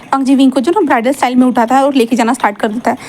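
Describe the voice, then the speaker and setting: A woman's voice: high voice, fairly even intonation, very fast, warm tone. A woman telling a fan-fiction story in a casual, chatty way, full of fillers and English words mixed in.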